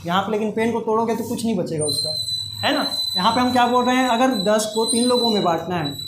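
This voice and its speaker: A middle-aged man whose voice sits high talks fast while teaching math, asking questions of the class and then answering them himself in call-and-response fashion. The recording has classroom echo and a faint hiss.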